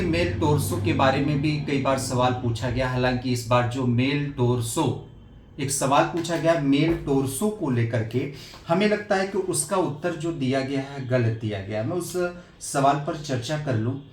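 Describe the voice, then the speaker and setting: Guy teaching exam prep, earnest, lots of um and repeats, mid voice, roomy echo. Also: mid-range voice. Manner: earnest, repeats points, frequent hesitation fillers. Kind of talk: informal exam-prep lesson.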